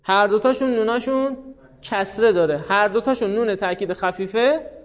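High-voiced male grammar teacher, lo-fi. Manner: explains patiently, recites verb conjugations in rapid drills. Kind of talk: classroom lecture. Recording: dull lo-fi sound.

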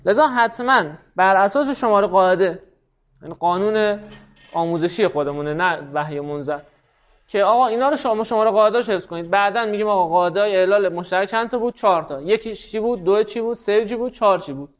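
A man's voice: high voice, dull audio. A man teaching a class, explaining rules step by step and asking and answering his own questions. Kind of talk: classroom lecture.

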